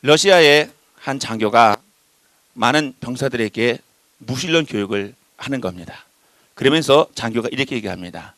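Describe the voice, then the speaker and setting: Animated male preacher with a lively voice. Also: normal speed, dry recording. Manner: animated, voices shifting pitch and loudness for emphasis. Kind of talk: lively sermon to a congregation.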